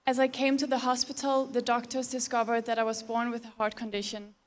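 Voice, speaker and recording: A woman from Denmark, speaking English as a second language, delivers a formal pageant speech. Her voice sits a little high, and her delivery is steady and composed. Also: fairly quick. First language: Danish. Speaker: pageant contestant. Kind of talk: prepared speech.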